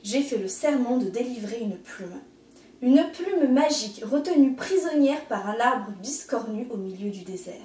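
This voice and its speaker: A woman's voice: fairly high pitch, lively intonation, normal speed, dark tone, far from the mic, natural voice. A woman voicing a brave, cheerful little rooster in a storybook, speaking in an eager, friendly way, in an echoey room. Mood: earnest.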